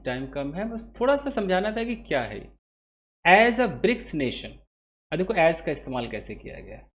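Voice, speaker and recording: A male teacher with an Indian accent talks through English newspaper sentences, questioning and answering himself as he goes. He slows right down on each English phrase, then explains it quickly in Hindi. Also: a little high. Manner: reads English phrases slowly, word by word.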